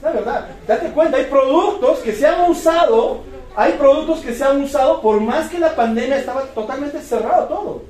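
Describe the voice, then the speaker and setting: A man with a Peruvian accent giving an energetic motivational sales talk, firing rhetorical questions and repeating key words. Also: extremely high pitch, moderate pace, a little hiss or hum. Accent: Peruvian Spanish. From Peru. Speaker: business presenter. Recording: echoey room, distant mic.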